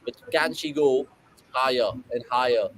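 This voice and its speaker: A man's voice: medium pitch, a little slow, a little hiss or hum, low-quality recording. Chatty British man hosting a cricket watchalong. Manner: chatty, reacts excitedly to shots, reads viewer questions. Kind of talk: live cricket watchalong commentary.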